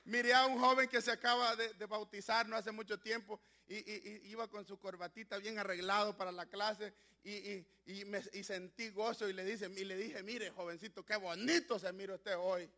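A man preaching a sermon, who shifts from halting, self-correcting talk to loud shouted exclamations. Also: high-pitched, little pitch movement. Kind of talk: Pentecostal-style sermon.

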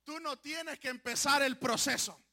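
A middle-aged man pastor preaching a fiery sermon that swells into shouted declarations. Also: extremely high pitch, normal speed, a crowd in the background.

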